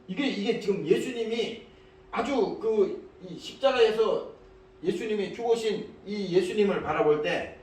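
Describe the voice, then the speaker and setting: High-voiced preacher in an echoey church. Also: male voice. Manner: emphatic, with frequent rhetorical questions; switches between scripture reading and casual speech. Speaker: pastor. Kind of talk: sermon. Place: church sanctuary. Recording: very echoey hall, mic far off.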